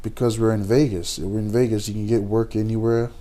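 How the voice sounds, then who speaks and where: A young man from Samoa with a low voice talks casually about his career as a pro boxer. He speaks haltingly, stopping and restarting often and reaching for his words. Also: level tone, warm tone. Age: 20s. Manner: halting, many fillers and restarts. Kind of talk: casual interview.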